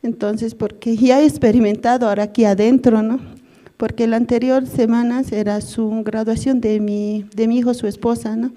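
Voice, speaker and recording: A woman's voice: on the high side, steady tone, moderate pace, warm tone. A middle-aged woman giving a rambling personal testimony at a prayer service, ending nearly every phrase with a questioning tag. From Bolivia. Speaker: church member giving testimony.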